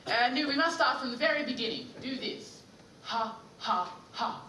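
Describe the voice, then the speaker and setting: A man's voice: extremely high pitch, fast talker, pushed and bright, a little hiss or hum. An actor playing an impatient phonetics professor in a stage musical. He lectures and repeats his corrections in exasperation. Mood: exasperated. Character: impatient male phonetics professor, brisk and bossy. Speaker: student actor. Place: school theatre stage. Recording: echoey hall from far off.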